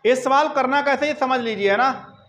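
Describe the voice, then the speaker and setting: A man teaching an exam-prep math lesson, repeating each point and checking in with quick questions to his listeners. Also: very high voice, fairly bright tone, poor audio.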